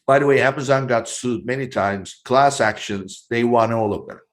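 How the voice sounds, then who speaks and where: A man hosting an interview show, speaking at a medium pitch. He gives earnest, conversational advice and doubles up his words for emphasis. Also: moderate pace. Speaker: podcast host.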